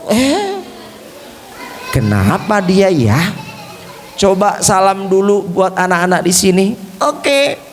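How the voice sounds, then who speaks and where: A man telling a religious lesson to children through a puppet show, with gentle, coaxing questions. He speaks at an unhurried, deliberate pace. A long reverb from a large mosque hall trails his voice. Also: high voice, slight background noise.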